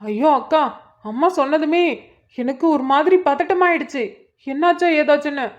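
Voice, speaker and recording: A woman voicing an anxious young man in a cartoon, asking hurried, worried questions. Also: high voice, close to an everyday voice. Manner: rushed, fretful questions. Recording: dull lo-fi recording.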